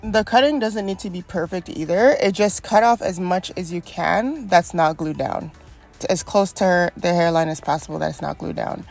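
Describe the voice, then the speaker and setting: A young woman, a wig stylist and beauty vlogger, walks viewers through a step-by-step wig install while congested and stuffy from a cold. Her lowish voice has vocal fry and a darkish tone at a normal pace, chatty and encouraging with frequent ums, over soft background music.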